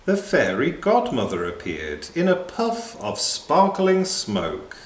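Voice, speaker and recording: A man reading a children's picture book aloud in a slow, very expressive way. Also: fairly high pitch. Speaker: storyteller. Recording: echoey room with faint noise.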